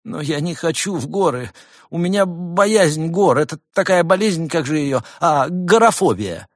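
A man voicing a cowardly, hypochondriac male gopher philosopher in a high, whining voice. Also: lively intonation, measured pace, no room sound, studio quality.

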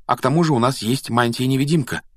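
A man's voice: mid-range voice, quick pace, no room sound, clean studio sound, pitched above the performer's own voice, close to an everyday voice. Man voicing Harry, a determined schoolboy. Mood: urgent.

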